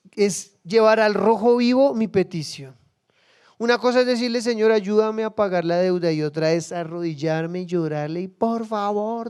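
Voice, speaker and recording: A male pastor preaching a sermon with passion, dropping to hushed asides and then rising to loud, acted-out cries. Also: sits high, clear, resonant tone. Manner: acts out biblical figures and prayers in quoted voices.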